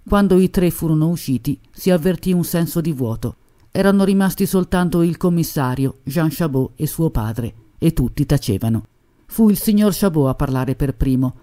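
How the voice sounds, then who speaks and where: Brief: female novel reader, steady pace, soft mellow voice. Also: sits low, normal speed. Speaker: audiobook reader. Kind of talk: literary narration.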